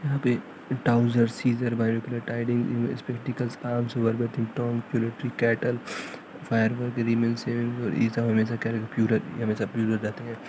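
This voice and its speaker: Fast-drilling man teaching grammar. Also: mid-range voice, completely flat delivery, noisy background. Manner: repetitive, drilling, reads English examples slowly. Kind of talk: fast revision lesson.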